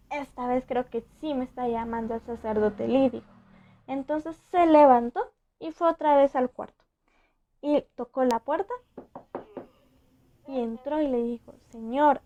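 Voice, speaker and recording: A woman teaching a children's Bible lesson in a gentle storytelling way. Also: high voice.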